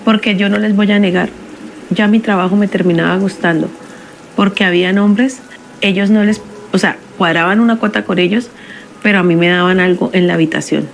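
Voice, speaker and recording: A woman telling a first-person story in a somber, measured confessional way. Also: medium pitch, steady tone, vocal fry, a little hiss or hum.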